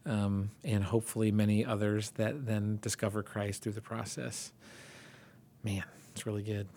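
Guy hosting a faith podcast, upbeat and encouraging, lowish voice. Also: little pitch movement, normal speed, dark tone. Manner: encouraging, affirming, upbeat interviewer. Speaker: podcast host.

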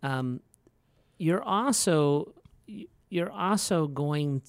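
A middle-aged man co-hosting a podcast, chatting casually and telling animated stories with frequent restarts. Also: fairly high pitch, very slow, gravelly, clear, resonant tone, no room sound. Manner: animated storyteller who acts out quoted voices; frequent restarts and filler words. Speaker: podcast co-host.

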